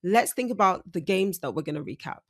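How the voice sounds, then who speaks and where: A woman's voice: fairly low pitch, lively intonation, brisk. A woman hosting a casual sports breakdown, chatty and self-correcting, her speech slightly impeded by braces. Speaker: host.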